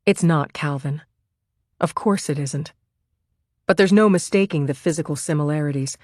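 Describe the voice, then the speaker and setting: A woman with a notably low voice reads a thriller audiobook in calm, measured narration. The recording is dry and close, with no room sound at all. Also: no echo. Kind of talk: scripted narration.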